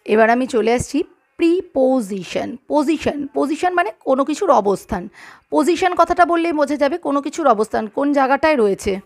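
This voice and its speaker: A woman with a high, light voice teaches English grammar. She repeats her examples, keeps asking if it is clear, and reads the English sentences slowly and carefully. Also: animated, darkish tone. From Bengal. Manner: repeats examples, checks understanding with questions. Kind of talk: explaining grammar lesson.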